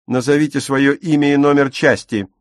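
A man's voice: lowish voice, normal speed, darkish tone, no room sound, clean studio sound, natural voice. A man voicing a proud, fiery young woman who speaks in a scornful, commanding tone in an audiobook. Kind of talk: audiobook character reading.

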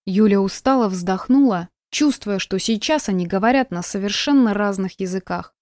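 A woman reading a romance novel aloud as narrator, with steady storytelling, recorded close. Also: mid-range voice, moderate pace, no echo. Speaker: audiobook narrator. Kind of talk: scripted narration.

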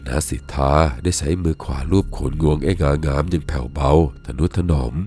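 In a measured, solemn manner, a man with an extremely deep, low voice narrates a ghost story in the first person. Soft, faint music plays underneath.

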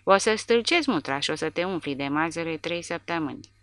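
A woman's voice: low-pitched, animated, a bit bright, no echo. A woman voicing a volatile male soldier who snarls insults, in an audiobook reading. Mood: furious. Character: brutal young male soldier, volatile and violent.

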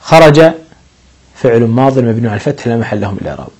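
A man's voice: medium pitch, animated, racing, a little mellow, husky, poor audio. A man teaching an Arabic grammar lesson, explaining patiently step by step and lifting his voice on each example sentence.

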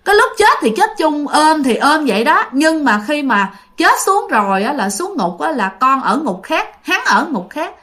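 A woman's voice: high-pitched, sing-song, moderate pace, bright, forceful tone, full character voice. A woman with a Southern Vietnamese accent voicing the ghost of a young man, speaking emphatically and repeating herself. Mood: resentful. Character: dead young man's ghost, bitter and resentful.

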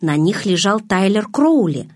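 A woman narrating a novel in the first person, with expressive storytelling. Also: mid-range voice, unhurried, no echo, studio quality. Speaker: audiobook narrator.

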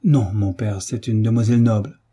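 A man's voice: on the low side, moderate pace, mellow, breathy edge. A man voicing an earnest, resolute young man pleading with his father. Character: young nobleman son, earnest, devoted, resolute.

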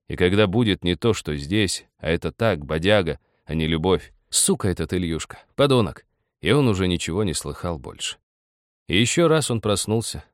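A man's voice: sits low, no echo, clean studio sound. A man reading a literary short story aloud as an audiobook narrator. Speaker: audiobook reader.

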